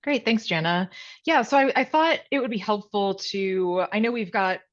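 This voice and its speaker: A woman's voice: mid-range voice, moderate pace. A woman giving a product presentation over a video call, chatty and upbeat, with easy laughs. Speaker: product director presenting a webinar. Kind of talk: casual presentation. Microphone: video call mic. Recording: dull lo-fi video call audio.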